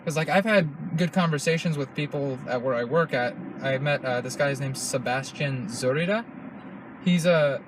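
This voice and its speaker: This young podcast host has a medium-pitched voice and talks at a normal speed, with noise audible behind him. His casual chat is rambling and profane, full of restarts.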